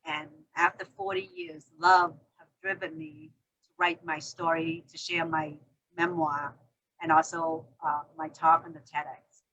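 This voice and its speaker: A middle-aged woman hosts a conversation, animated and full of fillers. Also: sits low, unhurried, lo-fi sound. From Vietnam. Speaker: host. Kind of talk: hosting a conversation.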